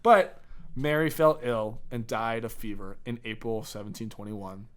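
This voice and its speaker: A man's voice: lowish voice, moderate pace. A young man co-hosting a podcast, telling pirate history in a chatty, storytelling way with frequent restarts. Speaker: podcast co-host. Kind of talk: casual history chat.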